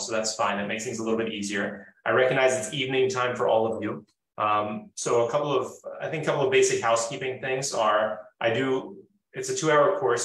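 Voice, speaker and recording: Instructor on a roomy, distant video call. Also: male voice, medium pitch, fairly bright tone. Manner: friendly, organized, filler-laden. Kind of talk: online class introduction.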